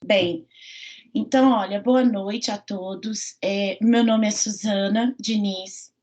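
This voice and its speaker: Speaking slowly and steadily through a computer mic on a video call, this middle-aged woman, a university professor from Minas Gerais, delivers an online lecture in a warm, filler-heavy style with plenty of tag questions. Her mid-range voice is a little mellow, and the lo-fi call audio sounds dull, with slight background noise.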